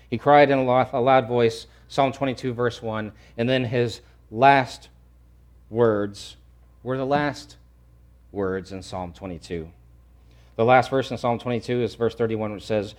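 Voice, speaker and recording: A man preaching a sermon, swinging from loud to hushed and repeating phrases for emphasis. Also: mid-range voice. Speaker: pastor.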